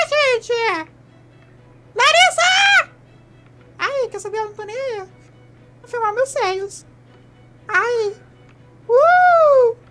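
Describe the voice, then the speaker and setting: A woman voicing a ditzy, rude, tipsy female reporter at a party in a comedy skit, theatrical and whiny. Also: extremely high pitch. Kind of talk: comedy skit role-play. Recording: music playing behind.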